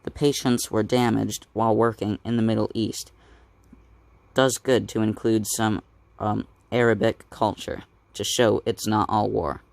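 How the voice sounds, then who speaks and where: Man, casual comic read-aloud, stumbling and self-correcting, gravelly low voice, dry close sound. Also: level tone, darkish tone, no echo. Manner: halting, stumbling over words and correcting himself. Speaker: comic book reader.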